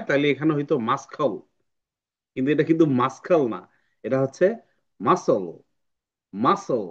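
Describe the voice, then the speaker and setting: A man's voice: on the high side, muffled recording. A man teaching an online English phonics class, patiently repeating words for drilling. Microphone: video call.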